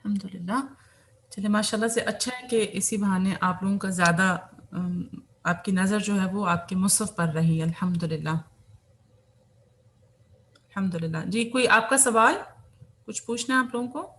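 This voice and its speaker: A woman from Pakistan, teaching tajweed in an online class, reciting verses slowly and correcting pronunciation with quick asides. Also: medium pitch, fairly bright tone. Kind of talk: tajweed lesson, reciting and explaining.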